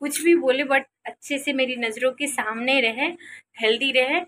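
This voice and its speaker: Bright high-voiced woman vlogger. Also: moderate pace, a little hiss or hum. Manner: sing-song coaxing with baby, then relaxed rambling talk to viewers. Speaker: vlogger and mother. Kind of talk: casual home vlog chat.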